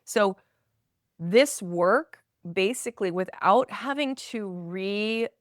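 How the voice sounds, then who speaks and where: A woman guest on a podcast, speaking gently and reflectively in long flowing thoughts. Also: medium pitch, slow pace, no echo, clean studio sound. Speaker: guest, spinal energetics practitioner. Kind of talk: conversational podcast interview.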